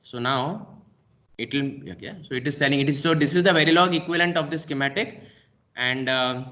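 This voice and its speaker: A man with an Indian English accent, a lecturer walking through a software lab demonstration step by step and saying "okay" often. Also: medium pitch, brisk. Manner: talks through each click step by step, frequent "okay". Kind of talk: screen-recorded software lab demo.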